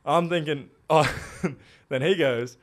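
A young Australian man telling a tall tale on a casual podcast. He talks in an animated, chatty way and swears freely. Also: a little high, takes it slowly. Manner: animated, swears a lot, laughs through his stories. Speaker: podcast co-host. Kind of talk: casual storytelling.

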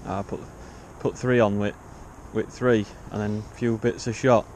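A young Englishman hosts a fishing vlog from a riverbank, chatting informally and in slang while he fishes, recorded on an action camera worn on his body. His voice is lowish and fairly flat in pitch, a little slow and a little mellow. The recording has a slight hiss or hum.

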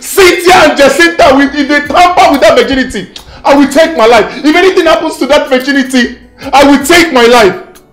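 An actor with a Nigerian accent playing a frantic young husband, pleading and repeating himself in an overwrought way. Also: male voice, very high-pitched, brisk, fairly bright tone, faint music behind. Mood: distraught. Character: frantic, panicky young husband obsessed with his bride. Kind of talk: film comedy acting.

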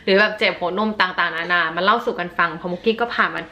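A woman's voice: on the low side, fairly even intonation, fast talker, pushed and bright. A woman who is a new mother vlogging in a casual, chatty and polite way, slipping English words into her talk. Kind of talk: casual chat to camera.

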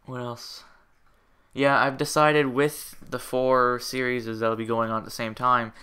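Rambling young man, bright clear voice. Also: mid-range voice. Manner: rambling, hesitant, many fillers and restarts. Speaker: gaming channel host. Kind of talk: casual channel update. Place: at home.

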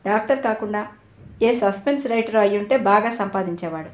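A woman's voice: mid-range voice, brisk, close to an everyday voice. A woman voicing an anxious, irritable grown son. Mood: worried. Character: worried grown son, quick-tempered man. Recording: roomy echo.

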